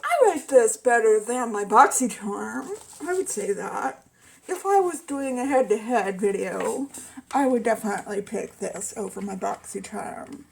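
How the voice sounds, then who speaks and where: A woman's voice: on the high side, animated, unhurried, creaky, a little mellow, slight background noise, poor audio. A woman beauty vlogger chatting casually as she reviews her monthly makeup bag, hesitant and full of fillers. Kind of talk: casual product review chat.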